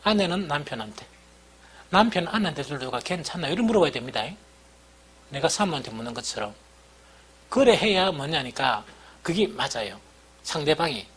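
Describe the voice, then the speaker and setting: A middle-aged male pastor preaching in a thick Gyeongsang dialect, telling homey, self-mocking stories to his congregation. His voice is husky and sits slightly high, and it rises and falls a lot as he talks. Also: sing-song, a little fast, pauses often, fairly bright tone. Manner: folksy storytelling, self-deprecating humor. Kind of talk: sermon.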